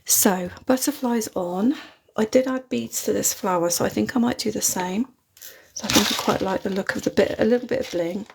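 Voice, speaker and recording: A gravelly, medium-pitched woman's voice comes through at a moderate pace against a noisy background. She's a British host with a non-London accent, casually chatting and rambling through a live crafting stream at her desk, chuckling often, filmed by a phone overhead.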